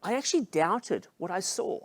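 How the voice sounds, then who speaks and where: Middle-aged aussie guy doing a keynote, fairly high voice, dry sound, gets passionate then goes quiet and hushed. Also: lively intonation, moderate pace, breathy edge, dry recording. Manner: passionate storytelling, dropping to a hushed voice for emotional moments. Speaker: keynote speaker. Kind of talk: motivational keynote talk.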